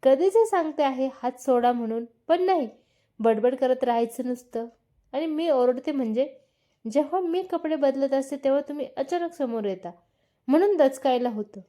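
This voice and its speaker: A woman voicing a young wife who is quick-tempered and chatty, scolding in a lively way. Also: high voice.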